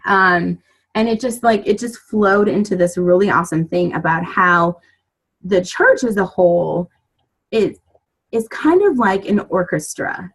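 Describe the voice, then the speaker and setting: Woman in her thirties, breathy, casual storytelling, chatty, animated asides. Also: lowish voice, unhurried, low-quality recording. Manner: chatty, animated, many fillers and acted asides. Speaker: team leader giving a motivational talk.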